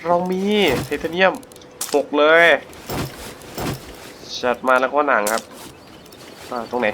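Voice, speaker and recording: A man hosting a gaming channel, giving casual let's-play commentary in a jumpy, excitable way as he plays. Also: medium pitch, takes it slowly, background noise. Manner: excitable, jumpy, talks to himself while playing.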